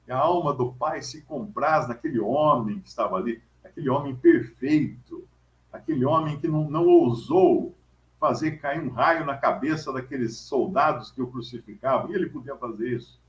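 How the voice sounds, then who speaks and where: A man gives a Bible reflection in a relaxed, chatty storytelling manner, often tossing in little tags. His voice sits at an ordinary middle pitch. The room around him is echoey. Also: normal speed. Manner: conversational, storytelling, frequent "né?". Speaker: Bible teacher. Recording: roomy echo.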